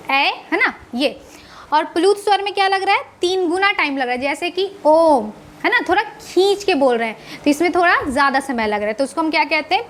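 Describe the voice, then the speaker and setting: A woman giving a grammar lecture, asking the class questions and answering them herself, often adding a tag question, and drawing out sounds slowly to show how they are said. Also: very high-pitched, a bit bright. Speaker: Hindi grammar teacher.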